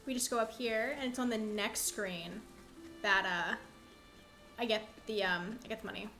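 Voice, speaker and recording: A woman's voice: mid-range voice, moderate pace, sharp tone. A young woman from Canada giving casual, rambling live commentary on her video game speedrun, chatty and self-deprecating. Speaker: speedrunner streamer. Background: faint game music.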